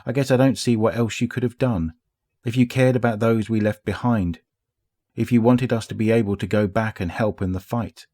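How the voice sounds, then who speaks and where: A man voicing a gentle, teasing woman companion who probes with playful questions while reading an audiobook. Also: lowish voice, fairly even intonation, normal speed, no echo, clean studio sound, close to an everyday voice. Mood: earnest.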